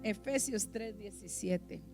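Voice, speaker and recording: A middle-aged woman preaching a sermon in a church, impassioned and emphatic, rising to loud peaks. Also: medium pitch, slow, music in the background.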